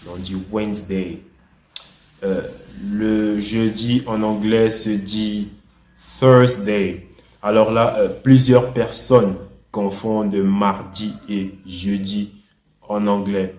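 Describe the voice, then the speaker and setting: A young man gives a slow, patient language lesson in a low, fairly flat voice. He repeats each word so learners can say it back. The recording has a noticeable room echo. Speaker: English and French teacher. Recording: echoey room.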